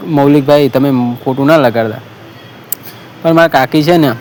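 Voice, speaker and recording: A man's voice: mid-range voice, normal speed, darkish tone, slight background noise. A man with a Gujarati accent, hosting a marriage bureau appeal, telling a story in an earnest, repetitive way and quoting the people who called him. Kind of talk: casual monologue appeal.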